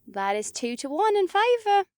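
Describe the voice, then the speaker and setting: A woman's voice: very high voice, big pitch swings, normal speed, no echo, studio quality. A woman voicing a tired, serious feline alien warrior who speaks formally in an audiobook. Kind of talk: audiobook character voice.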